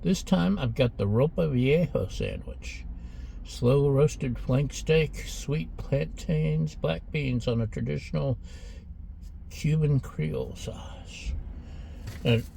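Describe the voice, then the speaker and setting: A man's voice: medium pitch, slow, gravelly, dark tone, a little hiss or hum. A middle-aged man hosting a casual food taste-test vlog in a restaurant, chatty and rambling as he eats between sentences. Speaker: food vlogger.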